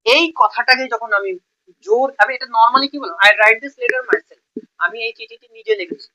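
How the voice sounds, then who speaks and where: Bright-voiced male Bengali grammar teacher. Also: very high voice, moderate pace, poor audio. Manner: explains step by step, repeats words, checks in often. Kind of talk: grammar lesson.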